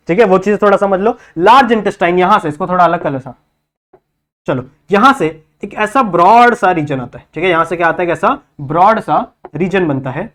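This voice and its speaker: A man's voice: sits high, fairly bright tone. Man teaching biology at a whiteboard. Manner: repeats each term as a question to the class; checks in often with "thik hai". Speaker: biology tutor. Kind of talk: whiteboard lecture in Hindi-English mix.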